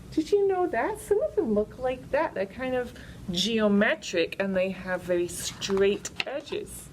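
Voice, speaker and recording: A woman's voice: fairly high pitch, a little hiss or hum, poor audio. Sing-song woman leading children's storytime. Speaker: children's librarian and storytime host. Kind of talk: children's storytime, sing-along and simple explaining.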